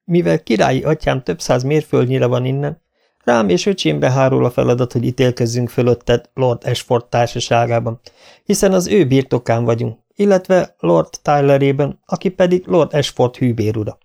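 A man doing a calm, grave royal heir. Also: mid-range voice, vocal fry. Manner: measured, reasoning.

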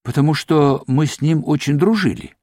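A man voicing a frightened arrested doctor who pleads and breaks into hysterical shouts, read as an audiobook. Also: on the high side, normal speed, dry recording, studio quality, close to an everyday voice. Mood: pleading. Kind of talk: audiobook reading.

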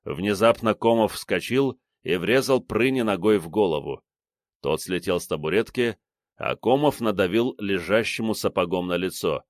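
A man narrating a detective audiobook in an expressive, vivid reading. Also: low voice, normal speed, dry recording, clean studio sound. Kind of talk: scripted narration.

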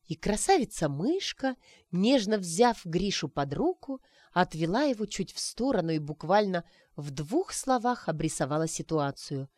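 A woman reading a story aloud in a lively, expressive way. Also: on the low side, moderate pace, no room sound. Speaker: audiobook reader. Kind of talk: scripted narration.

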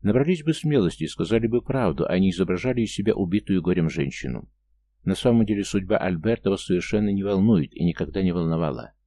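Audiobook: man reading bitter, accusing young man, low gravelly tone. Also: expressive, fast talker, dark tone. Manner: harsh, cold, accusing. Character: angry grieving young man, loyal friend.

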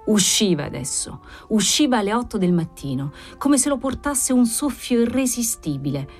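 A woman narrating a classic novel as an audiobook, in a measured, expressive reading. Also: on the high side, soft background music. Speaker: audiobook reader.

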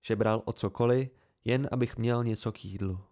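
A man narrating an amateur audiobook in a steady first-person storytelling manner. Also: medium pitch.

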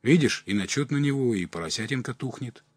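Brief: folksy pushy sidekick swindler read by a man, husky, lively. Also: medium pitch, brisk, no room sound, studio quality. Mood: coaxing. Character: middle-aged male accomplice hustler, pushy sidekick. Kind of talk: audiobook character voice.

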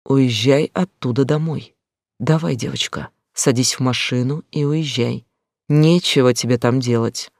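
A weary older brother, as a male reader voices him, answers flatly and guardedly in an audiobook. His tone stays subdued. The recording is dry and close. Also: mid-range voice, unhurried, vocal fry, dry recording. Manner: flat, subdued.

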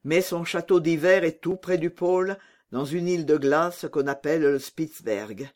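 Woman doing a dreamy homesick reindeer, slow, storybook. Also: sits low, darkish tone, lightly acted. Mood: wistful. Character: wistful reindeer homesick for the snow. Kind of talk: storybook reading for children.

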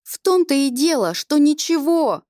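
A woman voicing a proud, furious orphaned teenage girl who speaks high and loud, close to tears, in a storybook reading. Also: normal speed, dry recording, close to an everyday voice. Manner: shouting, high and tearful.

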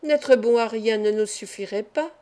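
Woman reader as jolly young male acrobat, chatty patter, warm tone. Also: fairly high pitch, moderate pace, close to an everyday voice. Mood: earnest.

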